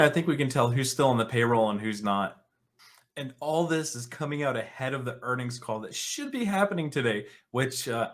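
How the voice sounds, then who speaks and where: Hosting an opinionated online commentary show, this medium-pitched man alternates between reading articles aloud and offering his own takes. He comes across as blunt and scornful, leaning on sarcasm and tossing in casual swearing.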